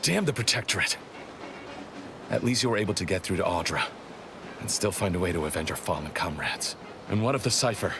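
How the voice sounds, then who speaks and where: An actor playing a stern, formal resistance operative in a video game, speaking in a measured way. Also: male voice, low voice, lively intonation, noisy background. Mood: grim. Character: stern, formal male resistance operative, surly but softening.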